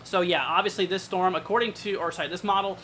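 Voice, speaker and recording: A man with a bright, forward voice, pitched a little high, hosts a casual live weather forecast. He talks informally, thinking aloud as he goes, in a conversational way. There is some faint noise behind him. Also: steady tone, fast. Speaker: weather livestream host.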